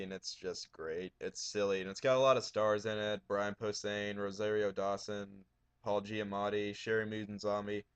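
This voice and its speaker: Loud, profane male vlogger, casual delivery, slightly low pitch. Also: clean tone. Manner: raising his voice, loud and profane. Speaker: horror DVD collector showing his shelf. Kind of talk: casual video blog.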